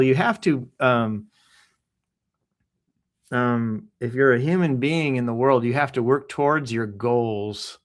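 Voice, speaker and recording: A man hosting a casual news read-through, joking around, clearing his throat often and making sound-effect noises between stories. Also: medium pitch. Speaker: host reading the news.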